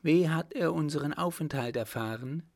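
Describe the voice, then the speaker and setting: A man's voice: on the high side, moderate pace, gravelly, pitched above the performer's own voice. A man reading an audiobook voices a frightened young noblewoman in a raised voice. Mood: fearful.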